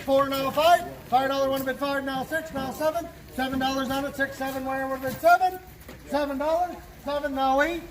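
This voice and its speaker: A man's voice: very high voice, fairly even intonation, brisk. A man working as an auctioneer, repeating bids and asking prices in a singsong chant. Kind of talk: singsong repetitive auctioneer bid-calling. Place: live auction sale. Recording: clearly noisy live auction recording.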